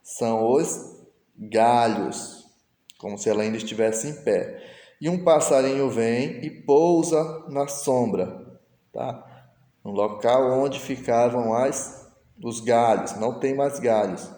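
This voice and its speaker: Guy teaching a lesson, mellow voice, big echoey room w long reverb. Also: mid-range voice, slow pace. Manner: patient, explains step by step, answers his own pretend student questions. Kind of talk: recorded online lesson.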